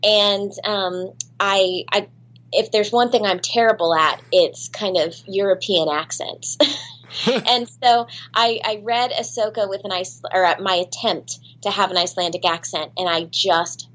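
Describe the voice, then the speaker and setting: On a low-quality recording, a voice actress appears as an interview guest, talking casually at an unhurried pace in a medium, slightly bright voice. She's chatty and laughs at herself, with lots of ums and restarts.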